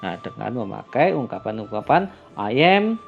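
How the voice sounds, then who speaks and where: A man teaching a class, calmly explaining English greetings and introductions and slowing down for the example phrases. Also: medium pitch, gravelly. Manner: calm and explanatory, switching into slow, lifted voice for English example phrases. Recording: lo-fi recording with faint music.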